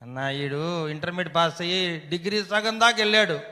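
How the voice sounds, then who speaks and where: A man acts out a pushy villager in a comedy sketch who keeps pleading for favors. His voice is very high and bright, wheedling at every turn, and a long hall echo trails behind it. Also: a little fast. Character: pushy male villager begging the politician for favors.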